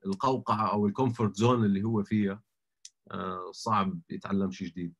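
Man, thirties, lowish pitch, conversational interview guest, English words mixed in. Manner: mixes English words into Arabic. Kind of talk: casual conversational interview, giving advice.

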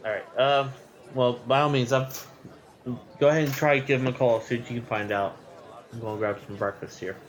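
A man's voice: medium pitch, steady tone, brisk, lo-fi sound. Matter-of-fact man at a tabletop game. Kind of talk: casual in-character talk.

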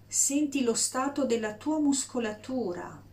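A woman guiding a breathing meditation in a slow, soft, soothing voice with long pauses. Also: fairly high pitch, lively intonation. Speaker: meditation guide.

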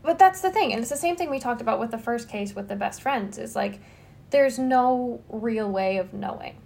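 A woman's voice: a little high, lively intonation, normal speed, vocal fry, darkish tone. A young adult woman hosting a podcast, talking through a true-crime case in a loose, conversational way with plenty of fillers. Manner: conversational storytelling, frequent "like" fillers. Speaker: podcast host. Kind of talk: casual true-crime chat.

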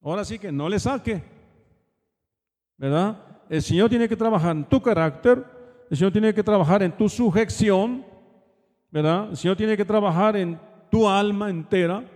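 A man's voice: high voice, normal speed, a little mellow, in a large hall. A man preaching a sermon in a casual, conversational way, often checking in with his congregation. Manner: colloquial, asks the congregation "¿verdad?" often. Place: church hall.

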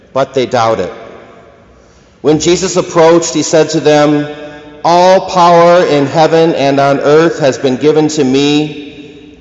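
A male priest reading the Gospel and preaching at Mass in a measured, gentle way with small restarts, his voice ringing in a cathedral echo. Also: on the high side. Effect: cathedral echo, long church reverb. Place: large church during Mass. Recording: echoey church hall, dull muffled sound.

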